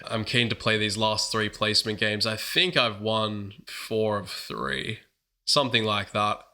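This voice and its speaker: A man's voice: fairly low pitch, measured pace, pushed and bright. A man hosting his gaming channel, chatting casually through strategy commentary while a bit sick. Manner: chatty, upbeat, self-correcting.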